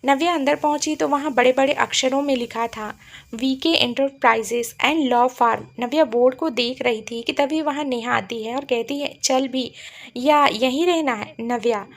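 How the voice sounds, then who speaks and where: A woman narrating a romantic love story, reading every character's lines in her own voice and slowing softly at tender moments. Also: high-pitched. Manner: reads all the characters' lines in her own voice, slow and soft at tender apologies.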